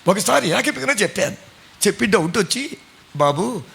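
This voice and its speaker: Middle-aged pastor guy preaching, high voice, keeps quizzing the crowd. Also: lively intonation, normal speed, sharp tone. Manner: questioning the congregation, conversational preaching. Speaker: pastor and Bible college principal. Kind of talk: sermon.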